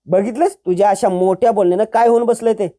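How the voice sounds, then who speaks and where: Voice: mid-range voice, steady tone, quick pace, mellow, natural voice. Brief: villain's wife in a retold serial, nagging and pleading, storyteller voicing her. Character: scheming woman, villain's accomplice.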